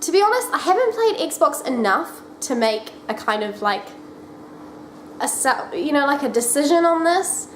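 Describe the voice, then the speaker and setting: A woman's voice: high voice, very animated, normal speed. A woman in her twenties with a New Zealand accent, chatting casually to camera as she answers questions, rambling with lots of ums and restarts. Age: 20s. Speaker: vlogger. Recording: echoey room, faint ambient noise.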